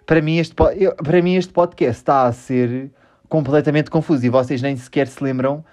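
A man's voice: on the high side, normal speed, a little mellow. Rambling European Portuguese man hosting a podcast. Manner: rambling, self-mocking, swears often. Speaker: podcast host. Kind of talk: casual podcast monologue.

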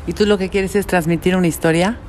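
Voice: mid-range voice, fairly even intonation, fast talker, darkish tone, slight background noise. A street interviewer asking questions in a friendly, encouraging manner outdoors in a tunnel. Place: tunnel in a city park, outdoors.

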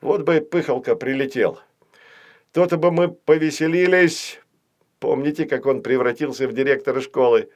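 A man voicing an excitable, boastful little boy doll in a children's audiobook, loud and eager. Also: medium pitch, moderate pace, natural voice. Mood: excited.

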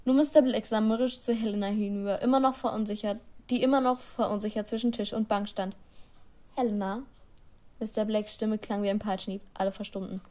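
A woman's voice: medium pitch, fairly even intonation, fast, few pauses, darkish tone. A woman reading her own fan fiction aloud on a podcast, then chatting casually with fillers. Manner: chatty, filler-heavy outro. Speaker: podcast storyteller.

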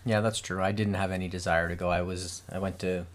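A man's voice: deep voice, flat delivery, brisk. A man co-hosting a podcast with his wife, talking casually and hesitantly, often repeating words as he goes. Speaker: podcast co-host. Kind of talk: casual chat.

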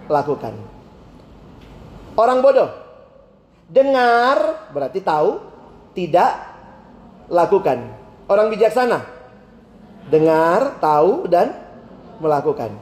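A man preaching a sermon, acting out both sides of a phone conversation in a lively storytelling way and stretching single words for emphasis. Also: high-pitched. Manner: animated, acts out both sides of a phone call; emphatic, drawn-out words for stress. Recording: echoey hall with faint ambience.

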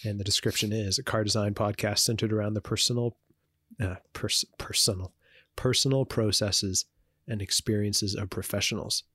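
A man with a fairly low voice chats casually as a podcast co-host. He rambles, filling gaps with ums and restarting his sentences. The sound is dry and close, with no room echo. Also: steady tone, moderate pace, bright, forceful tone, breathy edge. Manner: rambling, many fillers and restarts.

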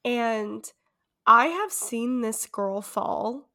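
A woman's voice: a little high, animated, very slow, bright, forceful tone. A young woman co-hosting a podcast, telling stories in a teasing way and easily breaking into laughter. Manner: teasing storyteller, prone to laughing fits. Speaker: podcast co-host. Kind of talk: casual chat.

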